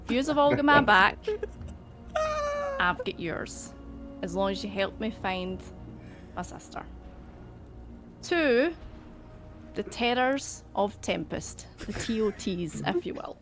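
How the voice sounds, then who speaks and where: A woman playing a tabletop game in character, playful and quick to laugh. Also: medium pitch, expressive, a bit bright, soft background music. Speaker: player. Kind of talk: in-character tabletop role-play.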